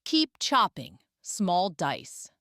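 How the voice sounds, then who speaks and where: A woman voicing a single-mother caterer who gives calm, sharp orders. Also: on the low side, extremely slow, dry recording, clean studio sound, heavily acted. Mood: commanding.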